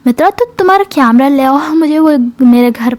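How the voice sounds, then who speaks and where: Pushy excited young woman, voiced by a woman storyteller; high, mellow, dry. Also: dry recording. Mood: insistent. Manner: insistent, rapid-fire questions.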